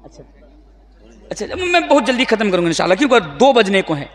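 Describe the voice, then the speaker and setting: A man's voice: very high voice, sing-song, quick pace. A young male preacher giving an impassioned late-night sermon, calling out to the young men in the crowd. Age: young adult. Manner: impassioned, chanting calls to the youth. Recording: echoey PA sound with long reverb.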